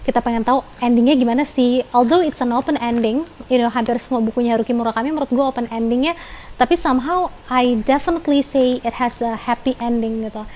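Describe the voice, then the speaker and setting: A woman's voice: a little high, fast talker, a little mellow, rough recording. A young woman giving a casual, chatty book review, slipping English phrases into her slang.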